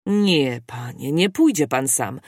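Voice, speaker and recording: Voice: medium pitch, lively intonation, moderate pace, no room sound, clean studio sound, close to an everyday voice. A reader voicing a dutiful army commander of a fort who speaks formally. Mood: formal firm.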